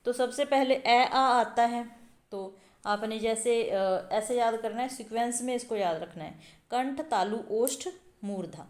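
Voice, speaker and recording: A woman's voice: on the high side, unhurried. Woman teaching in an echoey room. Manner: explanatory, repeats sounds aloud, many fillers. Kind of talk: exam-prep lesson.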